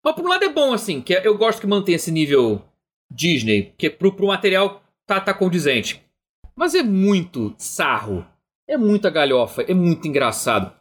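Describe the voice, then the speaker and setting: A man with a Brazilian Portuguese accent, co-hosting a live-streamed chat show in an animated, rambling, joking way, full of slang. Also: high voice, moderate pace, husky. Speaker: podcast co-host.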